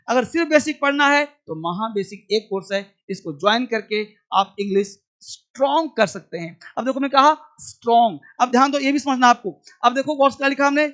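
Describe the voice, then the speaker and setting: A man with an extremely high, slightly bright voice teaches English pronunciation online. He repeats every point, drills and quizzes his students, and fondly calls them "child."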